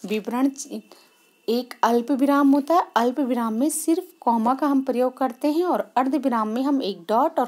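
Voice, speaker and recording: A woman's voice: a little high, darkish tone. A woman teacher giving a grammar lesson, explaining step by step and repeating the key points. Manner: explains step by step, repeats key points, asks and answers her own questions.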